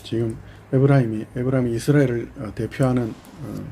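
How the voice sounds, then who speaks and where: A man's voice: medium pitch, steady tone, fairly quick, gravelly, dark tone, a little hiss or hum. A man preaching a sermon as pastor, animatedly voicing both God and the people in turn.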